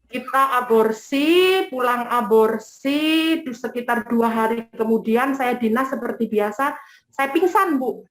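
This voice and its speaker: A woman with a high-pitched voice gives an emotional personal testimony to an interviewer. She tells her story in a lively way and acts out what other people said. Her voice rings in a roomy, echoing space. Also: unhurried. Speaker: guest giving a conversion testimony.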